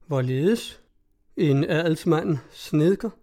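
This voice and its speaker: An eager, newly rich young carpenter presses his suit with pleading urgency, read by a man. The voice is mellow and dark in tone while sitting a touch high. He sounds earnest and hopeful. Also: animated.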